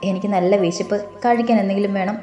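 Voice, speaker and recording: A woman voicing a calm, quietly confident young man who plays the protective big brother in an audio story. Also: medium pitch, fast, close to an everyday voice. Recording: roomy with faint music.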